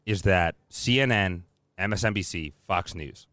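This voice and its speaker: A man co-hosting a casual talk podcast, talking fast and bluntly, with casual swearing. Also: sits low, fairly bright tone, no room sound. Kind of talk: casual political and media chat.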